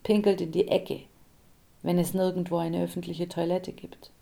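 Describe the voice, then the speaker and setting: A woman narrating an audiobook in a calm, measured way. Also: lowish voice, vocal fry.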